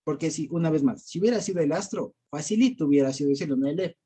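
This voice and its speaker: Leading a Bible study with an Ecuadorian accent, a man talks at a quick pace in a slightly high, mellow, husky voice with lively intonation. He's casual and laughs often, using many fillers while peppering listeners with rhetorical questions.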